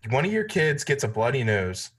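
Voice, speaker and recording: A man's voice: mid-range voice, very animated, normal speed, slightly rough. A man hosting a casual chat, asking questions in a loose, talkative way. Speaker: host.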